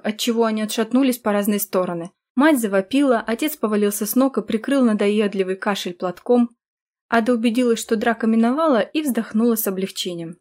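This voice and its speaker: Woman reading a fantasy story, steady telling, kinda high voice. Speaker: audiobook narrator. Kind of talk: scripted fantasy narration.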